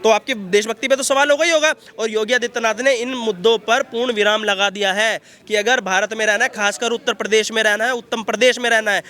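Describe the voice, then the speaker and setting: A man with a very high, bright voice rants forcefully in a street interview. He talks outdoors in a city and piles up repeated phrases as he argues. His tone is sharp and insistent. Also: steady tone, fast talker, hardly any pauses. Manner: forceful, repetitive ranting. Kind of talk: heated street vox pop.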